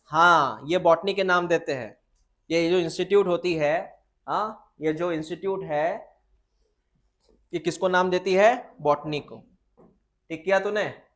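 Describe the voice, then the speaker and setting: A male biology teacher, his voice high and full of life, leads a class lesson in an informal tone. He fires off questions, answers them himself, and calls the students "beta." Lines from the English textbook get a slow, careful delivery.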